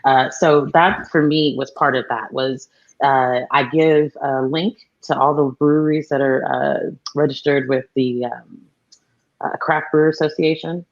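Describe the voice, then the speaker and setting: A man's voice: medium pitch, steady tone, unhurried, creaky. A man as a podcast guest, talking casually and enthusiastically about beer tasting, full of fillers. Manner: enthusiastic, explains with many fillers like "like". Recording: dull, muffled lo-fi sound.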